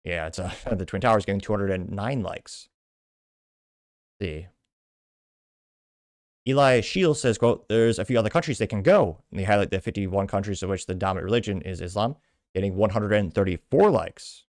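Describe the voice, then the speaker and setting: An American podcaster from the Midwest reads posts and gives rambling, informal commentary on politics, speaking at normal speed with frequent pauses. His lowish voice is a little mellow, and the studio-quality recording has no echo.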